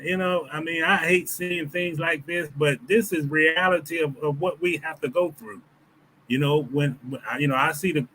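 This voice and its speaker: A man with a slightly raised voice speaks as a podcast guest. He talks slowly and reflectively, with many restarts, over faint background noise. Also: on the high side, pushed and bright, rough recording. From United States. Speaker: podcast guest, former sports reporter. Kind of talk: casual podcast conversation.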